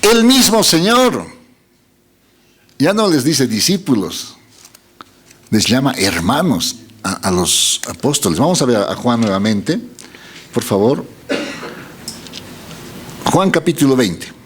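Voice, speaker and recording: A man's voice: mid-range voice, big pitch swings, slow pace, long pauses, fairly bright tone, husky. A man preaching a sermon, reading scripture aloud and putting questions to the congregation.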